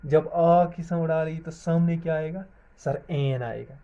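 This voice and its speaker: A man's voice: on the high side, fairly even intonation, unhurried, mellow. A man teaching English grammar in a video lesson. He spells words out letter by letter and asks the class questions, then answers them himself. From Jammu and Kashmir. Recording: dull lo-fi sound.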